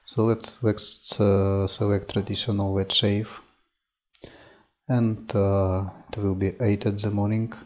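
A screen-recorded software tutorial features a man who walks through each step slowly and unhurriedly. His voice is flat and fairly low, and as a demo presenter he frequently pauses with "uh" and "um."

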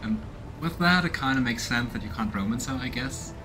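Over music, a man in his thirties streams a let's play from a small room at home, reading the game's text and musing with casual curiosity. His medium-pitched voice is animated and fairly quick.

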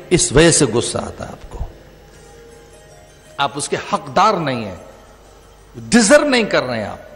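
A man's voice: medium pitch, a bit bright. A man with a north Indian Hindi accent giving a religious discourse, stressing his points with long repeated lists that rise and fall. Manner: emphatic, repetitive lists, rising and falling delivery. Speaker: spiritual teacher giving a discourse. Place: large venue. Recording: reverberant hall with faint music.

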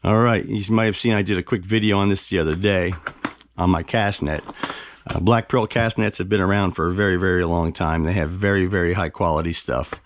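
A deep-voiced man hosting a fishing gear review channel talks a little fast in a steady tone. Indoors in his carpeted living room, he reviews a product casually and off the cuff, with plain-spoken enthusiasm and repeated words for stress.

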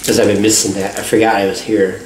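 A man's voice: fairly low pitch, flat delivery, fast, background noise. A man bantering casually with a group. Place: wood-paneled room indoors, around a table. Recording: echoey room with group chatter behind.

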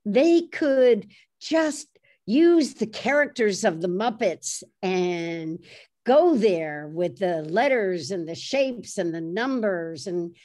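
A woman author being interviewed, telling behind-the-scenes stories in a lively, animated way and laughing easily. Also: medium pitch, slow pace. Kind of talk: anecdotal storytelling in conversation.

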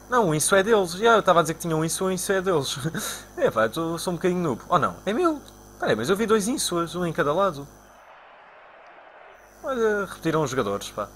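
A young man from Portugal with a European Portuguese accent, commentating his own football video game live and shouting at his players. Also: a little hiss or hum. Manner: excitable, shouts at players and spikes into high-pitched cries. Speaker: gaming YouTuber.

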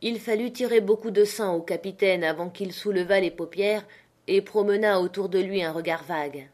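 A woman narrating a classic adventure novel as an audiobook reader, in a steady, measured storytelling voice. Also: mid-range voice.

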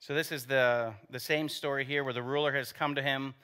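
A man's voice: mid-range voice, fairly even intonation, a little fast, bright, forceful tone, clean tone. A man pastor preaching a conversational sermon, asking the congregation rhetorical questions and adding joking asides. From United States.

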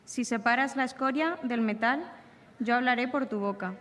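A woman serving as lector at Mass, reading scripture and a psalm in a measured, solemn way, her voice carried by a long, church-like reverb. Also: on the high side, fairly bright tone. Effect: long cathedral-like reverb. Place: large shrine chapel. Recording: echoey shrine chapel reverb.

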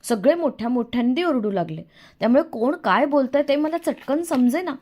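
A woman narrating a novel in the first person, in an expressive storytelling manner. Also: high voice, normal speed. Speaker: audiobook narrator.

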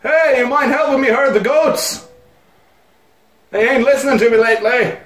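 A man putting on a loud, rowdy goat herder. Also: very high voice, moderate pace, reverberant, voice pushed up. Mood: hollering.

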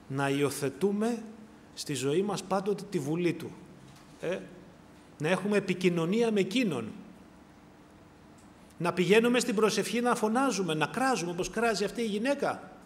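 A male preacher giving a sermon, swinging from hushed, quiet passages to raised, pleading appeals, repeatedly calling out to the brethren. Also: high-pitched, expressive, long pauses, big-room sound.

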